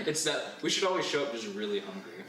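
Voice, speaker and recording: A man's voice: medium pitch, very animated, a little fast, vocal fry, a crowd in the background. A young man hosting a casual food taste test, rambling with many fillers and laughing often as he chats. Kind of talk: casual chat. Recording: echoey, distant, noisy room.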